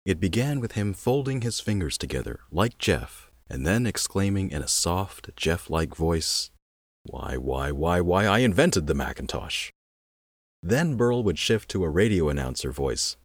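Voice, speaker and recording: Deep-voiced man reading a story. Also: lively intonation, normal speed, few pauses, dry recording, clean studio sound. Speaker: reader. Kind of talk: scripted narration of an anecdote.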